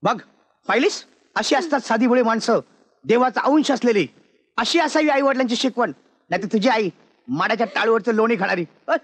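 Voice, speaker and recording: A man's voice: very high voice, a little fast, slightly rough. An actor playing a scheming young husband who mocks his in-laws in a taunting, sarcastic way, in a film scene. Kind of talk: film acting.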